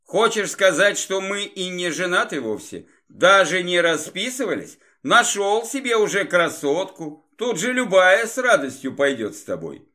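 Man reading reproachful young woman, audiobook, bright tone, high pitch. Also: big pitch swings, measured pace, exaggerated voice. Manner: sharp, accusing.

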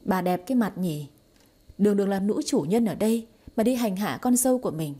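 A woman's voice: mid-range voice, animated, a little fast, warm tone, husky. Stern cold father-in-law, voiced by a woman. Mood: contemptuous. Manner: hissing, contemptuous.

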